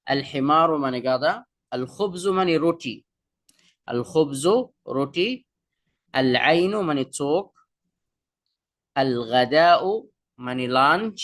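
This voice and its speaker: Slow, careful male Arabic teacher. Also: a little high, fairly bright tone. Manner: slow and careful, drawing out example words. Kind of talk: language lesson.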